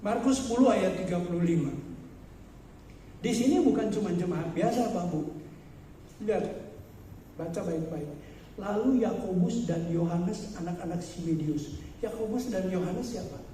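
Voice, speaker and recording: High-pitched man preaching in an echoey church. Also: normal speed, pauses often, warm tone, a little hiss or hum. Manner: conversational preaching, addressing the congregation directly with rhetorical questions. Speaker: pastor. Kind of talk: sermon. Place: large church hall. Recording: echoey church hall, mic far off.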